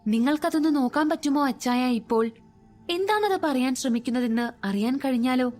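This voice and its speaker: A woman's voice: high voice, animated, moderate pace, darkish tone, faint music behind. Lady reading a young guy on a case, eager and in a hurry, storybook style. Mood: eager, urgent. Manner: eager, urgent. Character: eager young male investigator.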